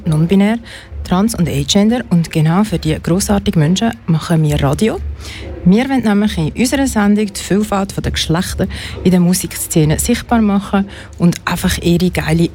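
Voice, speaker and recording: A woman radio host, giving a brisk, upbeat show introduction. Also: lowish voice, mellow.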